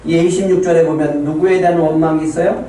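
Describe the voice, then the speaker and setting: A male pastor preaches a Sunday sermon and keeps putting questions to his listeners. His voice sits a little high for a man but sounds mellow and dark. It reaches the mic from a distance through a very echoey church hall. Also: steady tone, quick pace, a little hiss or hum. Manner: asks the congregation many rhetorical questions. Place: church sanctuary.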